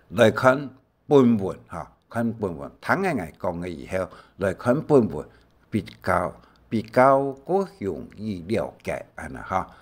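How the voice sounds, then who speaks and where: Slow, animated older man teaching. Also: low voice. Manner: slow, drawn-out explanations with many fillers. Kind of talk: language lesson.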